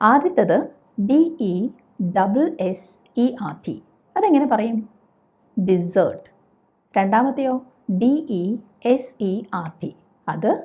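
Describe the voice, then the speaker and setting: A woman with a somewhat high voice gives a patient English lesson. She poses a question, then answers it herself. The sound is thin and tinny, like a phone line. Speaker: English teacher.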